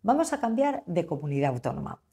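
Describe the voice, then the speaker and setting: A woman in her forties from Castile with a Castilian Spanish accent, explaining things in a relaxed, unhurried online lesson. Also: on the low side. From Castile, Spain. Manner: explains in a relaxed, unhurried way with small restarts and fillers. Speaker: Spanish teacher.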